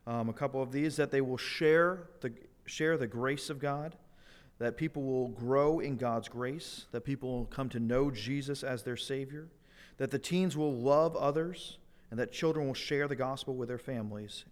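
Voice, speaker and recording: A man leading church prayer as worship leader, speaking in halting, hesitant phrases with frequent pauses. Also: mid-range voice. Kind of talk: church prayer, partly improvised. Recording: echoey hall with long reverb.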